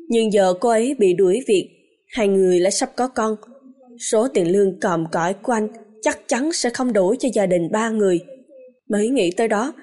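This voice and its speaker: A woman tells a story in a steady, even reading voice. Her pitch is medium and average for a woman. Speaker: narrator. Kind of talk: storytelling narration.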